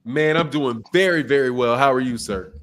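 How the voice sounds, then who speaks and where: A US-born man with a medium-pitched, fairly bright voice speaks at a moderate pace as he hosts a boxing talk livestream. Casual and slangy, he answers viewer messages he reads out, emphasizing points by saying phrases again.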